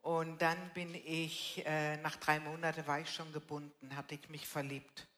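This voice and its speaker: An older woman, blunt and colloquial, gives personal testimony about her life in a casual interview at a live church event with an audience, often ending sentences with "ne." Her voice sits low, with a level tone, a slightly slow pace and a bit of brightness.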